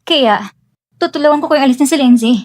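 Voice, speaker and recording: A woman dubbing a spoiled young woman who schemes and clings to her brother, self-assured and pushy. Her voice sits high. It is a dubbed drama. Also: brisk, no echo, clean studio sound, lightly acted. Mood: scheming.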